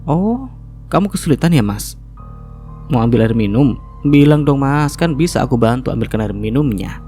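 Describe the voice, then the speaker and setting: A man's voice: medium pitch, animated, moderate pace, warm tone, faint music behind, natural voice. A man voicing a vengeful, scheming young wife who speaks in a mocking, sarcastic way. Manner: taunting, sarcastic.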